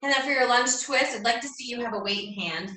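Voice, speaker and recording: A fitness instructor leads a live circuit workout like a gym coach, calling out exercises and encouraging her class in a slightly high, fast, sharp voice. She is away from the mic in an echoey indoor room, and faint noise can be heard.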